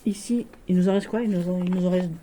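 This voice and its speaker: A woman chats casually and affectionately to her viewers about her tarot decks. Her voice sits fairly low and sounds soft and mellow. She talks in a loose, friendly way and keeps dropping in "voilà". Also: fairly even intonation, fast talker, a little hiss or hum. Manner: chatty and affectionate, often saying "voilà". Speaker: tarot vlogger.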